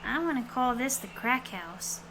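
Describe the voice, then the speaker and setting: A woman's voice: a little high, lively intonation, moderate pace. A woman streaming a game with casual, rambling, playful commentary in a cute anime-streamer manner. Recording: clearly noisy background.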